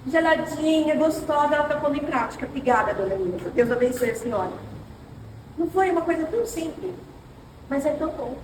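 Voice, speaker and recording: A woman's voice: sits high, fairly quick. A middle-aged woman with a Brazilian accent, teaching a women's church class and telling personal stories while speaking directly to the "sisters" among her listeners. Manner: animated storytelling, addressing listeners as sisters. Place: church hall. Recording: roomy hall, far mic, ambient noise.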